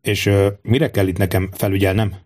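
Male reader as a young guard, muttering and wry, low voice, storybook reading. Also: level tone, a little mellow. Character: quiet, wry twenty-year-old male guard.

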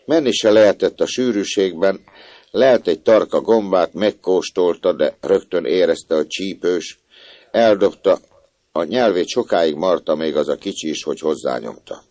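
A man with a very low voice reads a novel aloud, lively in his telling and acting out the scenes. The sound is dry and close-miked, with no room echo. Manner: expressive, acting out the dialogue. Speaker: narrator. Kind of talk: audiobook reading of a novel.

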